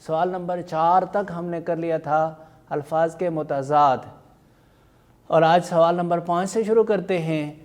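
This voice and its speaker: A male teacher giving an online language lesson, drilling pronunciation slowly and repeating each word. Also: fairly high pitch, fairly even intonation, a little mellow. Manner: slow, careful dictation of words and vowel marks.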